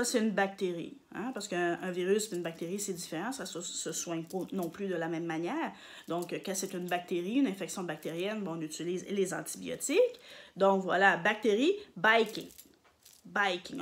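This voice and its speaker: Woman vlogger, mid-range voice, relaxed chat at home, explains words with heavy stress and lots of fillers. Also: mid-range voice. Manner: chatty, hesitant, frequent fillers, emphatic on vocabulary words. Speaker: vlogger teaching Japanese words. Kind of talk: casual explanatory talk to camera. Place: at home during confinement.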